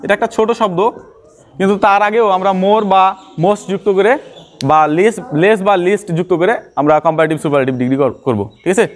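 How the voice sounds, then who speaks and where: Male teacher, high-pitched, patient step-by-step grammar explainer. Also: a little fast. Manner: explains step by step, repeats key terms and quizzes the viewer. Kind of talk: classroom-style grammar lesson.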